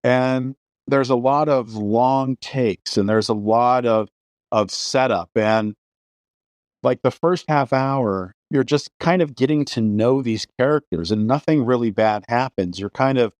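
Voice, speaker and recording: A man's voice: medium pitch, measured pace, a little mellow, dry recording. A middle-aged man hosting a podcast, talking opinionatedly about films with many restarts. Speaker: podcast host. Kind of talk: casual film discussion.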